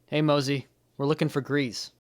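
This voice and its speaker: A man's voice: on the high side, level tone, moderate pace, close to an everyday voice. A man playing a guilt-ridden young male Jedi who speaks earnestly and blames himself. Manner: earnest, self-blaming, subdued.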